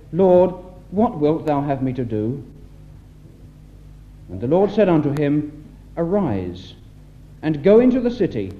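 A man solemnly reading scripture aloud at a church meeting, heard on an old 1960s tape recording. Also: fairly high pitch. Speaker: scripture reader at a church address. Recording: muffled old tape with faint hiss.

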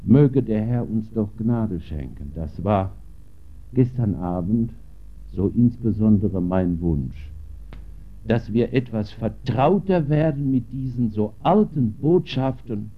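A man preaching a Bible study sermon in German, slow and emphatic, with wide swings in pitch. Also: expressive. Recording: dull lo-fi recording.

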